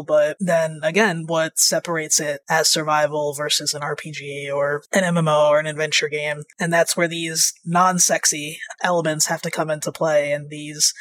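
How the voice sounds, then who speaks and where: A man co-hosting a podcast, speaking in a thoughtful, measured way in casual chat and laughing easily. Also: a little high, a bit bright. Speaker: podcast co-host.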